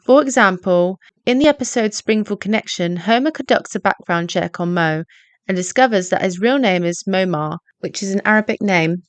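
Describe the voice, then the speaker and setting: A woman narrates a scripted video essay in a measured, explanatory manner. Her pitch sits in the middle. The recording is close and dry, with no room sound. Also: no echo.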